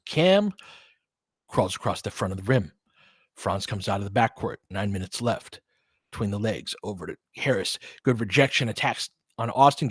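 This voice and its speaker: On a dry, clean studio recording, a man with a low, slightly rough voice calls a basketball game live. He keeps his phrases clipped and slips casual, fan-like comments in between plays.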